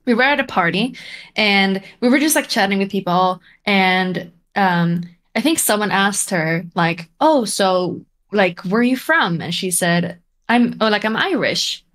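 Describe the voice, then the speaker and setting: A European woman talks casually on her podcast. She laughs often and slips into quick impressions of the people she talks about. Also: medium pitch, a bit bright. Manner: laughing, chatty, quotes people in mock voices. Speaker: podcast host. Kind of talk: casual chat.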